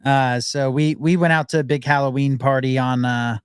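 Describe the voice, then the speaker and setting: A man co-hosting a casual sports podcast over a video call, relaxed and prone to halting restarts. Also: medium pitch, smooth, no room sound, clean studio sound. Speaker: podcast co-host. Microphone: webcam call.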